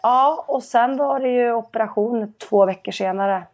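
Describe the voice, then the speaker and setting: A young adult woman, a padel player, telling a story in a casual interview and acting out the conversations she recounts. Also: fairly high pitch. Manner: animated storytelling, acts out quoted dialogue.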